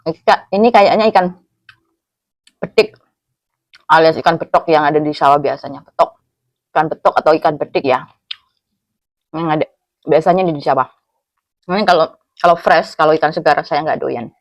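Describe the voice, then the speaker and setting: A woman's voice: sits low, normal speed, long pauses, no room sound. A woman from Cilacap, Indonesia, with a Javanese accent, chatting casually with her mouth full as she eats, humming as she savours food. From Cilacap, Central Java, Indonesia. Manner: talks with mouth full while eating, with savouring hums. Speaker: food vlogger. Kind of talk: casual eating chat, mukbang.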